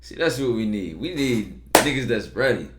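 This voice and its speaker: A man's voice: mid-range voice, expressive, normal speed, very noisy. A man hosting a live stream and taking callers, talking bluntly and loosely, with swearing and rhetorical questions. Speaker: streamer hosting call-ins. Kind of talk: casual live-stream chat.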